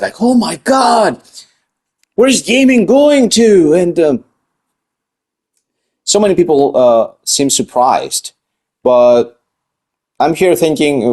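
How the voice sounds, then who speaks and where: A man in his thirties hosting his own channel, chatting casually and rambling with restarts. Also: mid-range voice. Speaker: channel host. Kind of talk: casual vlog chat.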